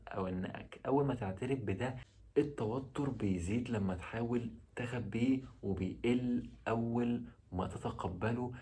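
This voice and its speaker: Husky Egyptian man giving advice. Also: lowish voice, mellow. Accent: Egyptian Arabic. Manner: direct, addresses the listener, rhetorical questions. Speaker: dating advice vlogger. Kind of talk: casual advice talk to the viewer.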